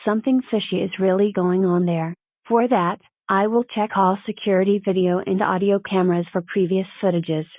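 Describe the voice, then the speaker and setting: A woman's voice: medium pitch, fairly even intonation, moderate pace, few pauses, dry recording, narrow, tinny audio, lightly acted. A synthetic-sounding woman voicing a stern, matter-of-fact cartoon schoolteacher with formal delivery. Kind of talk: scripted cartoon dialogue.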